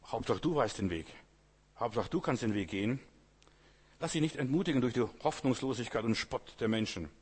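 Husky-voiced man preaching, talking straight to the congregation, repeating his urging lines with rising force. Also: medium pitch, expressive, a little fast. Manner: conversational, keeps asking the audience "weißt du"; repetitive exhortation, rising loud on key phrases. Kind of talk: sermon.

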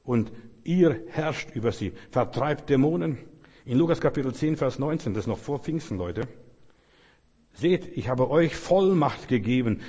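A man's voice: medium pitch, a little mellow, breathy edge, big-room sound. A man preaching a sermon with emphasis, repeating his phrases and quoting scripture. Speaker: pastor.

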